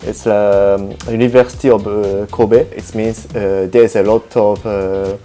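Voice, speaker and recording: A man with a Japanese accent, chatting as a guest in an interview, hesitant with many fillers and quick to laugh. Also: on the low side, little pitch movement, mellow, faint music behind. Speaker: guest YouTuber. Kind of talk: casual interview chat.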